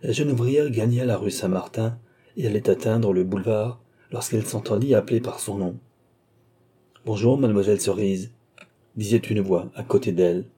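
A middle-aged male narrator reading a novel aloud in a measured, steady manner. His voice sits low, with a husky, dark and mellow grain. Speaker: audiobook narrator. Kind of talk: scripted narration.

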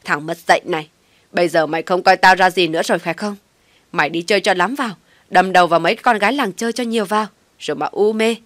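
Woman doing an enraged older father, loud, harsh scolding, low-pitched, dry close sound. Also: fast, dry recording, natural voice. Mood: furious shouting. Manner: shouting, harsh and insulting. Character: furious elderly father scolding his son.

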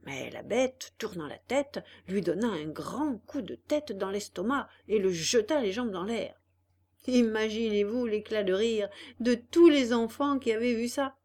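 Lively woman reading a children's tale. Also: a little high, a little slow. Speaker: audiobook narrator. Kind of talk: reading a children's story aloud.

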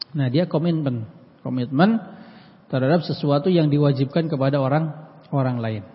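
A man giving a religious study lesson, reading Arabic passages and explaining them plainly, often repeating key words and clearing his throat. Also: on the high side, a little slow, long pauses. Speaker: Islamic study teacher. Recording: dull lo-fi audio with long hall reverb.

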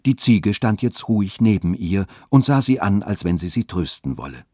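A man calmly narrating a radio story. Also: fairly low pitch, normal speed, dry recording, studio quality. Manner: calm, even storytelling.

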